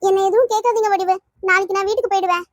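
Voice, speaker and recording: A woman voicing a tearful, heartbroken young woman in a cartoon, pleading and sobbing softly. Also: very high voice, fairly even intonation, very fast, no room sound, studio quality. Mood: sad pleading. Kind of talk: cartoon voice acting.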